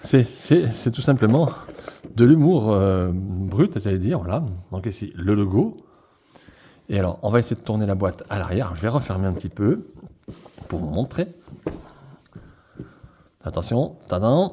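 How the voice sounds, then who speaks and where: A man talks his way through an unboxing, gushing and correcting himself as he goes. His voice sits low and sounds mellow and warm rather than bright. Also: sing-song, normal speed, long pauses, breathy edge. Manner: enthusiastic, chatty, many fillers and self-corrections. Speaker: toy collector reviewing a figure pack. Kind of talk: casual unboxing review.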